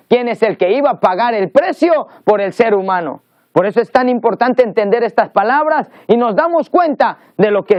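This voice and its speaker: In a dry, dull lo-fi recording, a man with a very high-pitched voice preaches a teaching sermon. He explains earnestly, repeating words as he searches for the next one.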